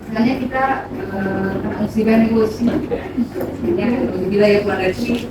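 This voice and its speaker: A woman's voice: medium pitch, normal speed, over loud music. Hesitant woman asking from far off. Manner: hesitant, with fillers. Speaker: audience member asking a question. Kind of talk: question from the audience. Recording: echoey room, distant, loud noise.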